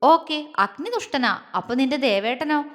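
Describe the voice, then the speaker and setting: A woman voicing a tender young husband who talks to his wife in a soft, affectionate, coaxing way. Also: sits high, lively intonation, normal speed. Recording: long reverb.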